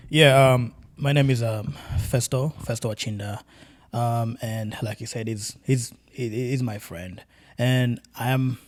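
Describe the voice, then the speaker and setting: A young man from Tanzania talks as a guest on a casual podcast. His voice sits in an ordinary middle pitch. He speaks earnestly and often restarts or repeats words as he works out what he means. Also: a little mellow. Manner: earnest, repeats words while searching for phrasing.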